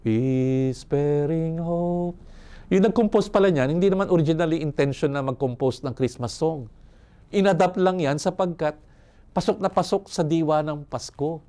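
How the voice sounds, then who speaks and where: A man's voice: mid-range voice, a little mellow. An older man from Manila, a priest giving a reflective retreat sermon, speaking conversationally with chuckles and tag questions. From Manila, Philippines. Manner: conversational, chuckles and asks "no?" often. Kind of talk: reflective sermon with personal stories.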